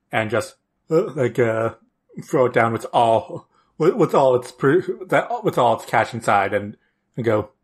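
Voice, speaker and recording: Husky-voiced man stumbling through his turn. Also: medium pitch. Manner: halting, stumbling over words with many fillers. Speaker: player. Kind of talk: casual tabletop play.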